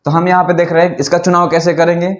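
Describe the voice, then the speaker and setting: A man's voice: sits high, little pitch movement. Man teaching grammar in an echoey room. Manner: slow, repetitive explaining with questions to students. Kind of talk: classroom lesson explaining grammar rules.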